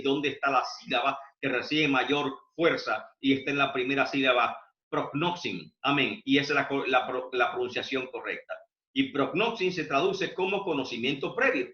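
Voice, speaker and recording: A man's voice: on the high side, pushed and bright. A male pastor teaching a Bible study, speaking in a teaching manner, often adding "amén" and correcting himself mid-phrase. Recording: echoey room, dull lo-fi sound.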